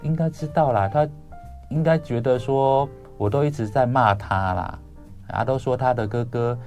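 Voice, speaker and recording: A man's voice: mid-range voice, normal speed, a little mellow, faint music behind, voice pushed up, close to an everyday voice. A man voicing a worried, complaining older mother as he retells a counseling story. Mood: fretful. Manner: fretful, complaining.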